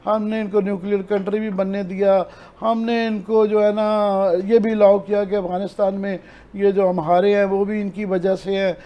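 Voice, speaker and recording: Heard through lo-fi audio, this man has a high voice with little pitch movement and a Pakistani Urdu accent. As an analyst on a news talk show, he explains events earnestly while mixing in English terms.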